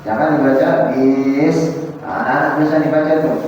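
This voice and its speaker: A man teaching Quran recitation rules in a prayer room, explaining reading mistakes and slowly chanting Arabic examples, and pausing on fillers while he thinks. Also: on the high side, steady tone, a little mellow, a little hiss or hum. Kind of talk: tajwid lesson to a congregation. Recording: distant, dull and echoey in a hall.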